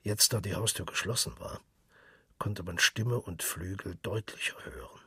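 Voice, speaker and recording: A man narrating a literary story for radio in a calm, measured way. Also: low-pitched, husky, no room sound, studio quality.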